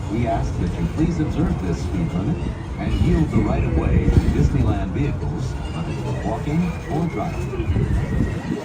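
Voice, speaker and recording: A man's prerecorded safety spiel plays over a tram's outdoor loudspeaker, measured and courteous, with a lively rise and fall in pitch. It sounds distant from the mic, and loud music plays behind it. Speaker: tram announcer. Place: moving outdoor tram.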